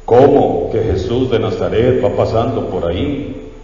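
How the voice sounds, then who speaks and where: A man's voice: lowish voice, unhurried, warm tone, natural voice. A man voicing a blind male beggar who pleads and cries out to Jesus, in an echoey church recorded from far off on dull lo-fi sound. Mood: pleading. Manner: pleading, raised cry.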